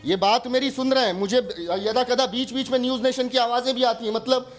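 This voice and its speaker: High-voiced male field reporter. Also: fairly even intonation, a little fast. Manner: calls out loudly toward a closed door. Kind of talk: on-location news report.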